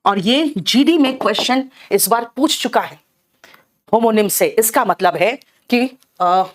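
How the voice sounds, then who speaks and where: Speaking at a measured pace in a voice on the high side, a middle-aged Indian English woman leads an exam-prep English class. She addresses students as "beta" and keeps checking comprehension with "clear?" and "theek hai?".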